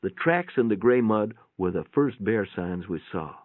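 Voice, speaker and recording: With a fairly low, animated voice at a normal pace, a male narrator gives a plainspoken, folksy dramatic reading of a first-person tale. The audio is dry, narrow and tinny, band-limited in a radio-like way.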